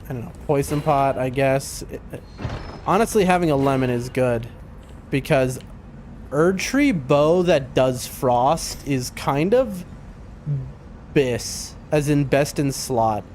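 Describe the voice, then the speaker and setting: A man's voice: mid-range voice, expressive, slow, darkish tone, slight background noise. A man who sounds sick, giving casual live gaming commentary, thinking aloud in informal gamer slang. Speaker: video game streamer.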